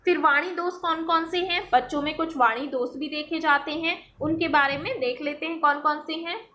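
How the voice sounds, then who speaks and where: A woman's voice: sits high, fairly even intonation, moderate pace, pushed and bright, slight background noise. A woman teaching an exam-prep lesson, explaining step by step and often checking in with her listeners. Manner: explanatory, repeats "theek hai" as a check-in.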